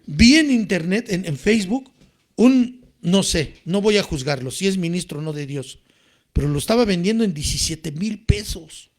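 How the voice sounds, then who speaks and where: High-voiced preacher, animated. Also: male voice, normal speed. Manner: animated, rises to shouting when quoting cries. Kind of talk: sermon.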